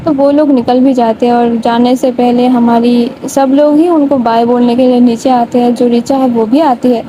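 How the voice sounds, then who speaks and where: A woman's voice: on the high side, steady tone. A young woman retelling a love story in a loose, chatty way, full of casual fillers. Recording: dull lo-fi audio with faint noise.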